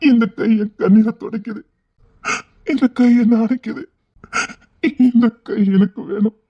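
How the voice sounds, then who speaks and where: A woman acting as a lonely, tender-hearted man in a Tirunelveli Tamil drama, tearful and pleading, often hushed. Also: mid-range voice, normal speed, husky, highs cut off, lightly acted.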